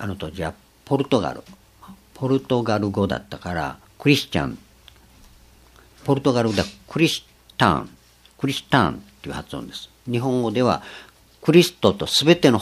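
An older man giving a slow, reflective sermon, pausing often with fillers. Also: on the low side, sing-song, slightly rough. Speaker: preacher.

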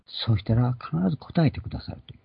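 A man's voice: mid-range voice, animated, fast, creaky, breathy edge, no echo. An older man preaching an earnest sermon, explaining and stressing key words. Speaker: pastor. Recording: dull lo-fi recording.

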